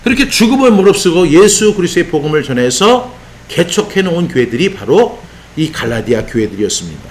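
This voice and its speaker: A man preaching an expository sermon as a pastor, animated and sometimes shouting out rebukes. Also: fairly high pitch, a little hiss or hum. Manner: animated, voices apostle's rebukes in raised exclamations.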